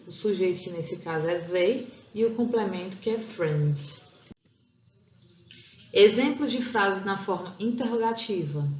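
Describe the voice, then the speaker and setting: A Portuguese-speaking woman teaching an English grammar lesson over slides, explaining step by step and slowing down to read example sentences. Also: mid-range voice, a little mellow, slight background noise. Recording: roomy, dull lo-fi sound.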